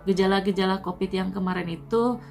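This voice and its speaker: A woman from Indonesia talks through a personal story in an earnest, unhurried way, her phrases often tapering off softly. Her voice sits at an ordinary middle pitch. Faint music plays underneath. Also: steady tone, vocal fry. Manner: soft, earnest, often trailing off with "gitu". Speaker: Indonesian migrant worker sharing her COVID recovery. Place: at home.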